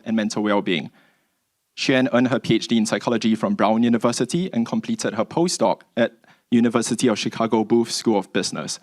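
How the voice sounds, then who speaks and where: Mid-pitched man introducing a speaker. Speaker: event host introducing speakers. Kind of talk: formal speaker introduction, reading a biography.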